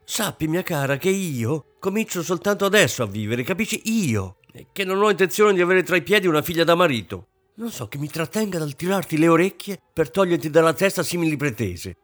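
A man voicing a domineering, scornful middle-aged mother in an audiobook reading, shouting in anger. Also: medium pitch, sing-song, moderate pace. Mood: furious.

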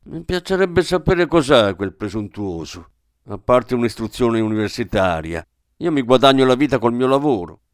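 An insistent young man presses his case in a radio-play reading, voiced by a male reader. He sounds blunt and irritated, and his pitch rises and falls widely. The sound is dry and close. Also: big pitch swings, normal speed, clean tone, no room sound, close to an everyday voice. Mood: pressing.

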